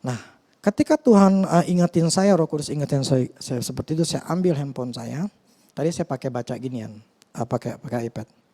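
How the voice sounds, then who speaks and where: Male pastor, earnest and confessional, mid-pitched mellow voice, chatty sermon delivery. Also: a little fast. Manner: conversational, hesitant with many fillers and restarts.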